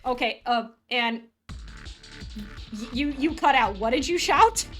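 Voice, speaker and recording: Casting: female game master, fairly high voice, casual rules-refereeing over clear background music. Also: animated, measured pace, a bit bright.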